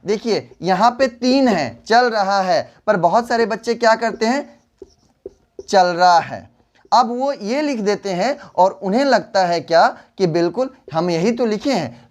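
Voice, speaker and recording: A man teaching a Hindi writing lesson online, patiently repeating example words and addressing his students as children. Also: high voice.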